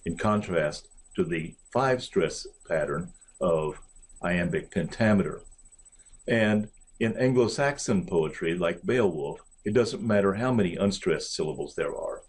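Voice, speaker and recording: A literature professor, a man, giving a measured recorded lecture and reading verse examples deliberately. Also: deep voice, a little mellow.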